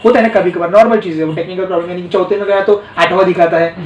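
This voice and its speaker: A man's voice: sits high, steady tone, racing, dull audio. A man, a teacher casually telling a story to his students, repeating himself and breaking off for asides to his listeners. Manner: rambling and repetitive, with asides to listeners. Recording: roomy echo, distant mic, faint noise.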